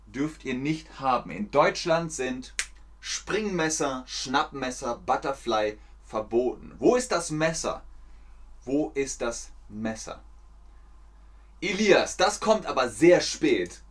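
A man teaching German in a livestream lesson, speaking in simple, repetitive sentences for learners. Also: on the high side.

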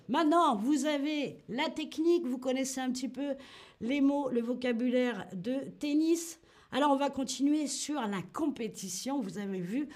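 In a live online French lesson, a lively woman with a high voice greets chat viewers by name and answers them, while demonstrating tennis shots complete with grunts.

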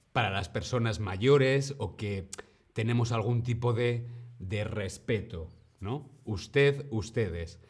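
A man with a Spain accent hosting a live-streamed language lesson, speaking at a slow, unhurried pace in a voice of middling pitch. He opens with lively greetings, then settles into patient explanation, repeating each example. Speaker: Spanish teacher and streamer.

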